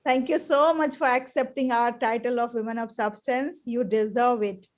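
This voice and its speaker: A woman's voice: fairly high pitch, fairly even intonation, moderate pace. A woman hosting a show, welcoming her guest in a formal, ceremonious manner. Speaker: host.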